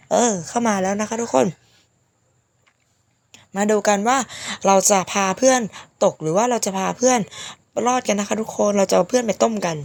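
A woman with a hoarse, sick-sounding voice giving casual game commentary, politely addressing her viewers. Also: mid-range voice. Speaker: gaming video host.

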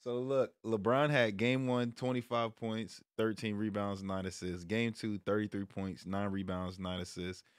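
A man's voice: lowish voice, level tone, measured pace, hardly any pauses, clear, resonant tone, dry recording, studio quality. An American man in his thirties chatting casually about sports to camera in a laid-back, slangy way. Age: 30s. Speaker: streamer and sports vlog host. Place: small room at home, indoors. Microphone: close microphone on a stand, headset on.

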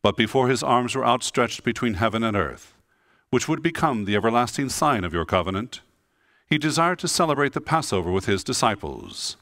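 A man leading the prayers of the Mass as a priest, in a solemn, measured, intoning delivery. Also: medium pitch, lively intonation, a bit bright, dry recording, clean studio sound.

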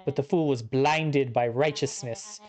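Actor playing scheming villain, smug, condescending, theatrical monologue, mid-pitched, video game, music underneath. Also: measured pace, darkish tone, close to an everyday voice. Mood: gloating. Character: smug scheming villain, animal founder in youthful body.

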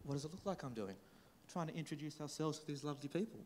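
High-voiced Australian man in a skit. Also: expressive, fast talker, background noise. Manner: playfully clueless. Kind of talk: comic skit.

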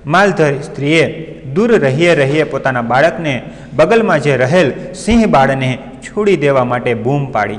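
A man's voice: a little high, expressive, moderate pace. A male teacher giving an online class, retelling a story and stopping often to explain the meaning of words. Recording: long reverb.

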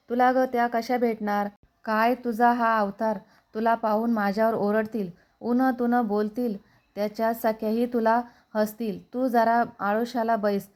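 A woman voicing a palace maid who explains things in an even tone. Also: on the high side, natural voice. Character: wary young palace maid.

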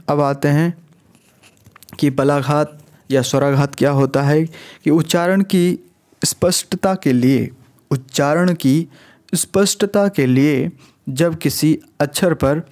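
A man teaching an exam-prep lesson, explaining slowly and patiently and repeating key phrases. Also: fairly high pitch, a little mellow. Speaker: Hindi teacher.

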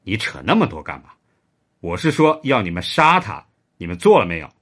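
A man voicing a stern, curt middle-aged spy chief in a low, gruff, clipped voice. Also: very animated, moderate pace, fairly bright tone.

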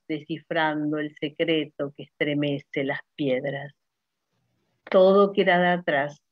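A woman poet with a Uruguayan Spanish accent speaks in a low voice at an online literary launch, giving introductory remarks and a poetry reading. The sound comes through a video call, dull and lo-fi, with no room sound.

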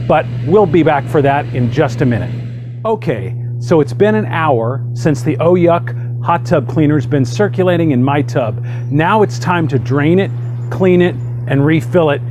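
A man's voice: a little high, darkish tone, a little hiss or hum. A man in his forties hosting a casual how-to demo in a backyard, talking upbeat and chatty while he works. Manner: upbeat, chatty, talks while doing tasks. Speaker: hot tub how-to host. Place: outdoor backyard beside a hot tub.

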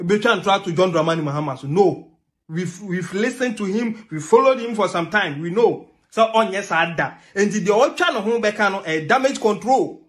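A man's voice: sits high, lively intonation, moderate pace. A young man with a Ghanaian accent giving emphatic political commentary to camera from a small room, mixing English and Twi. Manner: emphatic, mixes English and Twi, laughs mid-rant. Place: small indoor room with a TV behind.

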